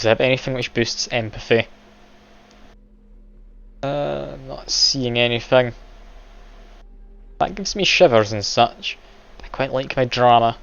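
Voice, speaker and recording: Game music plays behind dull, lo-fi stream audio as a man offers casual live commentary on his game. His voice is medium in pitch and gravelly, and he's talkative, jokes at his own expense, and laughs frequently.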